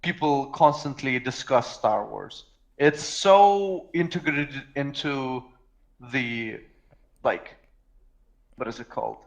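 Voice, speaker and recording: A man's voice: mid-range voice, animated, takes it slowly, gravelly, long pauses, poor audio. A man from Russia in casual podcast chat, rambling and joking with swearing and frequent restarts. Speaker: podcast co-host.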